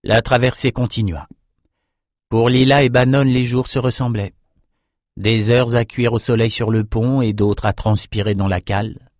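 A man narrating an audiobook in a measured, even way. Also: medium pitch, dry recording, clean studio sound. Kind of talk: scripted narration.

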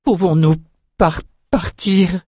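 A man's voice: a little high, normal speed, a little mellow, no echo, pitched above the performer's own voice, natural voice. A man voicing a nervous male shepherd held prisoner, hesitant and stammering, recorded dry.

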